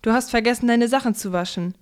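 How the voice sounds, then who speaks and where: A tiny male mouse with a cheeky, chirpy squeak, high and bright, put on by a woman reading aloud. He teases his old friend with a smooth, clear voice behind the pipe. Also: fast, natural voice. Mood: teasing.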